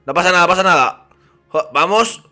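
Bright high-voiced gamer guy. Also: fairly quick, faint music behind. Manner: playful, laughing, excitable. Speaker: gaming YouTuber. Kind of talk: casual co-op gameplay chat.

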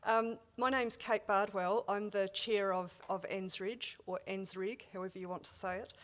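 A woman's voice: medium pitch, fairly even intonation, moderate pace, a bit bright. A woman from New Zealand with a Kiwi accent, chairing a conference and welcoming the audience in a casual, filler-laden manner.

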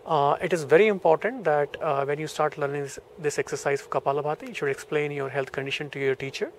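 A man with an Indian accent speaks as a yoga instructor in a fairly high voice. He explains in short, hesitant phrases, recorded outdoors in a garden with faint background noise. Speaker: yoga trainer. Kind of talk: instructional talk to camera.

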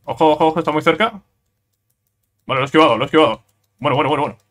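Bright-voiced gaming commentator man. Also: on the high side, racing. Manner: excitable, repeats words in bursts, tag questions. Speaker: gameplay commentator. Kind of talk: casual let's-play commentary.

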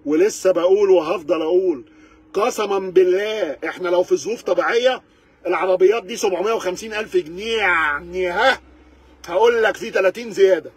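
A man's voice: high-pitched, fairly quick. A man with an Egyptian Arabic accent, a car reviewer ranting to camera in a sarcastic, exasperated way, firing rhetorical questions. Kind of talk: animated rant to camera.

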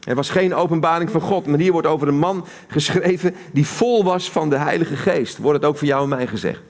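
A man's voice: on the high side, brisk, darkish tone. A man with a Dutch accent giving a live sermon in a church hall, talking conversationally and putting questions to the congregation. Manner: conversational, asks the audience questions. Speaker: preacher.

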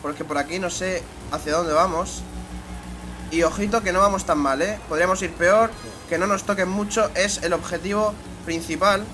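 A man's voice: high voice, fairly even intonation, normal speed, music in the background. A young man with a Spain Spanish accent commentating his own racing game, muttering asides and breaking into exasperated swearing. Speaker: gaming channel host. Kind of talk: let's play commentary.

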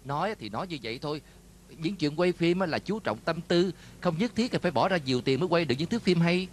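Man voicing nervous male film assistant, high voice, placating and apologetic, TV drama dub. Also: animated, quick pace, slight background noise, close to an everyday voice. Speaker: dub actor.

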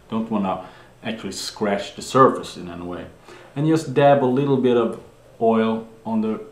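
A man's voice: lowish voice, echoey room. A man giving a plain, practical guitar care lesson in an instructional video, with some fillers and restarts.

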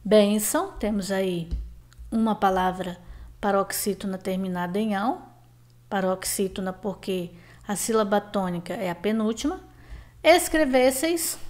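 A woman teaching a grammar lesson, explaining clearly and drawing out example words. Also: medium pitch.

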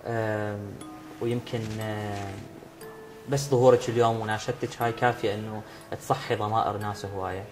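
A man's voice: on the low side, fairly even intonation, a little fast, poor audio. A man in his thirties with an Iraqi Arabic accent, hosting an interview in a reassuring, encouraging way. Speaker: TV interview host. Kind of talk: interview talk. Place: TV studio. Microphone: lapel mic. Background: background music.

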